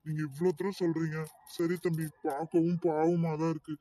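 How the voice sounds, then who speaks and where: A suspicious, grumbling middle-aged bus driver who scolds and lectures, as a man voices him for a cartoon. His voice sits a little high and is caught from slightly off mic. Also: level tone, fairly quick, mellow, recorded from a distance, natural voice. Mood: grudging. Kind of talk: cartoon voice acting.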